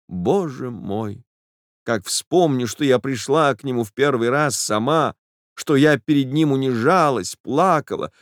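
A heartbroken young woman pleads in a high, trembling, tear-choked voice, put on by a male audiobook reader. Her words break and rush as she implores. The sound is close and dry. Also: no room sound, lightly acted. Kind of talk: audiobook character voice.

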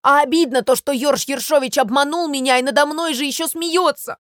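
A woman voicing an indignant, hot-tempered male sparrow who shouts in rage in a storybook reading. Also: fairly high pitch, moderate pace, no room sound, studio quality, lightly acted. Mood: aggrieved.

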